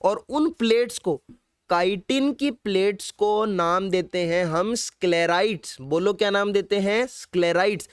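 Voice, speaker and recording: A man's voice: sits high, unhurried, smooth, no room sound, clean studio sound. Upbeat Hindi-accented male biology tutor. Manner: quizzes students with repeated questions; drops in playful sung lines. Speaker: biology teacher. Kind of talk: online exam-prep lecture.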